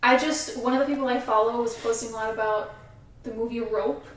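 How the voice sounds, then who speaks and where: A woman's voice: fairly high pitch, fairly even intonation, brisk, recorded from a distance. A young woman co-hosting a podcast, laughing often and swearing casually. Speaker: podcast co-host. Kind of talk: casual chat. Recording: echoey room, off-mic, faint ambience.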